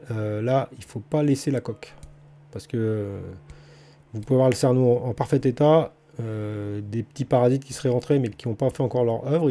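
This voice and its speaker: A vlogger talks about his garden in a casual video, speaking colloquially with many hesitations and restarts and offering blunt, enthusiastic opinions. His voice is medium-pitched and mellow.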